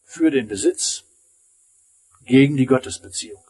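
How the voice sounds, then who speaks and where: Husky man preaching a sermon. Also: medium pitch, normal speed, a little mellow. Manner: emphatic preaching, rising and dropping to near silence. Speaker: pastor.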